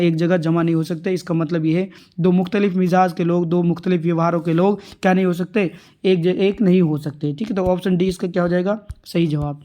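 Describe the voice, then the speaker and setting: A man's voice: high voice, darkish tone. A man tutoring viewers through exam answers, asking himself questions and repeating each point for his friends watching. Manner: repetitive, rhetorical questions, addresses viewers as friends. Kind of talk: answer-key lesson.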